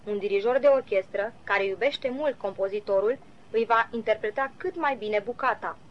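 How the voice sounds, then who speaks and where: A woman reading a devotional Bible commentary aloud in a measured, earnest way, citing verses as she goes. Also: medium pitch, slight background noise. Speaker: Bible teacher. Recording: slightly dull lo-fi recording.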